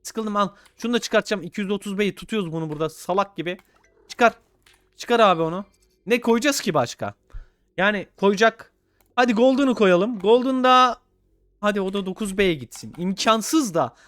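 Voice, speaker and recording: A young man commenting on his own gameplay, pleading with the game and swinging between low muttering and loud shouts. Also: animated, moderate pace, no room sound. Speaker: gaming YouTuber.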